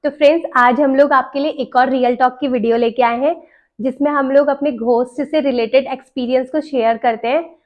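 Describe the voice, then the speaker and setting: A woman's voice: sits high, steady tone, a little fast. Chatty young woman telling stories, lo-fi sound. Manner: chatty, laughs while recalling. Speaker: podcast host sharing stories. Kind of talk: casual storytelling chat. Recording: dull lo-fi sound.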